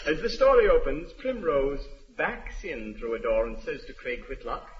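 An actor playing a jovial radio announcer with smooth, jokey patter. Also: male voice, on the high side, sing-song, normal speed, muffled recording. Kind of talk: 1940s radio comedy. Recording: distant, hissy old radio recording.

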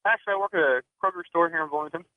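Fast-talking man over a tinny phone line. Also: on the high side, dry recording. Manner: rushed, with lots of fillers and restarts. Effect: over the phone, cutting in and out. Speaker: caller. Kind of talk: telling a ghost story on a call-in show.

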